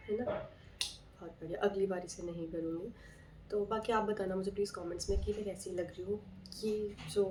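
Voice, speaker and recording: Hoarse, tired woman vlogging amid firecrackers. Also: medium pitch. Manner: chatty, candid and self-critical. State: worn out. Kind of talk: casual festive vlog chat. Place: home and rooftop at night. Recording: loud firecracker bangs and street noise. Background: firecrackers bursting.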